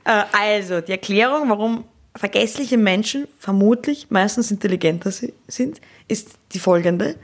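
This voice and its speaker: A young woman with an Austrian accent, co-hosting a podcast in casual chat, talking fast and laughing often. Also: mid-range voice. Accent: Austrian German. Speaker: podcast co-host.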